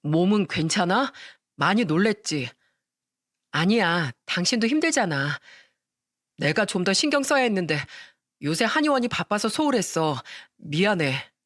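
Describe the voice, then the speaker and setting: A woman's voice: medium pitch, sing-song, normal speed, no echo, studio quality. A woman voicing a young husband in a narrated radio story, firm and exasperated but caring. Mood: tender. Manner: firm with mother, gentle with wife.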